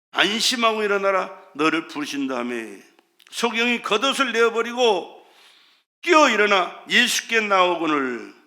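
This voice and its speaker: A man preaching a sermon as pastor, with impassioned delivery that swings from shouted cries to hushed, quiet lines. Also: high-pitched.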